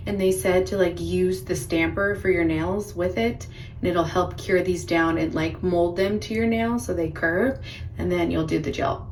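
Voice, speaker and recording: A woman's voice: on the low side, a little hiss or hum. A woman in her early thirties chatting casually in a rambling, conversational way for a home vlog, often saying "like". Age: early 30s. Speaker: vlogger. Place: indoors at home.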